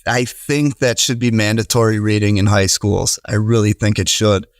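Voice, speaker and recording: A man in his thirties with a Wisconsin accent, a real estate investor appearing as a guest on a podcast, speaks earnestly in a casual conversational interview. His voice sits fairly low with a level tone and a moderate pace, and his talk rambles with many restarts and fillers. The recording is clean studio sound with no echo.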